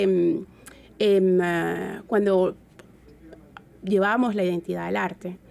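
A woman with a Caribbean Spanish accent from Venezuela speaks as an interview guest. Her voice has a lot of fry and sits at a middling pitch. She is reflective and conversational, pausing often as she searches for the right word. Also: warm tone. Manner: halting, searching for words.

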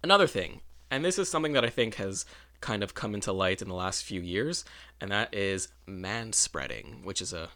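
A man chats in a loose, rambling monologue, stopping to correct himself and tossing in wry asides. His voice sits fairly low. It carries a bright, forceful edge. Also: lively intonation, normal speed. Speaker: vlogger. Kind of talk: casual monologue.

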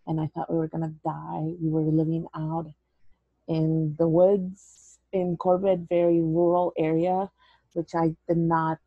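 A woman's voice: low-pitched, creaky, breathy edge, no room sound, dull audio. A woman, a guest telling her story earnestly in an interview, dropping in words. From El Salvador. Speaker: guest, educator. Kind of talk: interview conversation.

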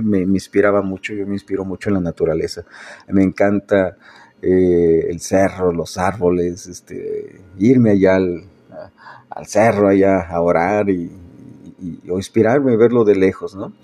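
A man's voice: sits low, dark tone. A man, a preacher telling a personal story in a loose, conversational way with many fillers and restarts. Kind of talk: personal testimony talk.

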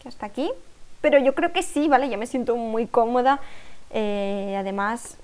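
Young woman, somewhat high voice; casual podcast storyteller who is chatty and loose, with asides to listeners. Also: moderate pace, a little mellow. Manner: chatty, full of fillers and quoted dialogue, frequent asides to listeners. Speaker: podcast host.

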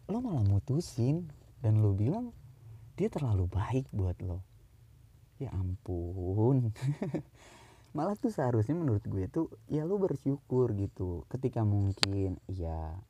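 A young man talking casually to the camera, slangy and animated, sometimes jumping up high for mock pleading. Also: slightly rough, dry recording. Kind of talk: casual monologue.

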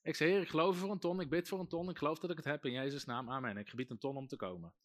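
A man's voice: a little high, very fast. A man, a pastor, preaching a sermon and calling out to his congregation. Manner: preaching with rising emphasis and calls to the congregation.

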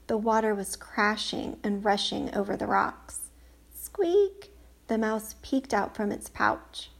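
A woman's voice: mid-range voice, flat delivery, measured pace, creaky, a bit bright. A woman reading a children's storybook aloud, lifting her voice for the characters' lines. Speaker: audiobook reader. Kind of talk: storybook narration.

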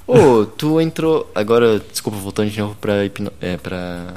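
A man co-hosting a casual podcast, slangy and eager, quick to agree and laugh along. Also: on the low side, animated, dark tone. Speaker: podcast co-host.

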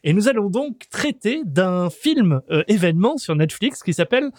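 High-voiced joking French podcast host. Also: male voice, very animated, normal speed, a little mellow, no room sound, studio quality. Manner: jokey, leads the show, announces topics. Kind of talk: casual chat.

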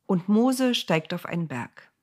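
Woman reading a bible story out loud, lowish voice, drama pauses. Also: husky. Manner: expressive, slows for drama. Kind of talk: scripted narration of a Bible story.

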